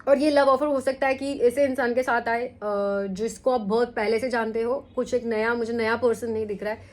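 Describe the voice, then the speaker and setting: Casting: young adult woman, fairly high voice, chatty tarot reader, keeps checking in with the listener. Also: level tone, normal speed, darkish tone. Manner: chatty, mixes English into Hindi, repeats "ठीक है?". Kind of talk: weekly horoscope tarot reading.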